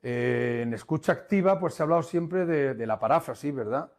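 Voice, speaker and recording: A man giving a webinar lesson, animated and emphatic, swinging between loud and soft and repeating key phrases. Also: mid-range voice, a little fast. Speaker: webinar instructor. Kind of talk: lecture on conflict resolution. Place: online webinar.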